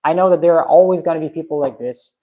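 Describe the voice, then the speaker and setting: The sound is phone quality as a low-voiced Russian woman talks fast on her own live stream. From her home garage she reads and answers viewers' comments in a casual, frank and blunt way, often starting over.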